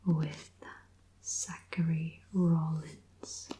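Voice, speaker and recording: A woman in a whispered role-play as a librarian, speaking in a soft, gentle, unhurried library whisper. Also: deep voice, flat delivery, rough recording. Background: soft clicking and tapping sounds.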